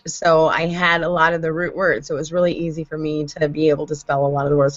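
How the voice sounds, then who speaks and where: A woman chatting casually on a homeschool panel, explaining things with animated, talkative energy. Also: low voice. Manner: chatty, animated when explaining, spells out letters. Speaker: homeschooling parent, panel host. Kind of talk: casual online panel chat. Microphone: video call. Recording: dull lo-fi video call audio.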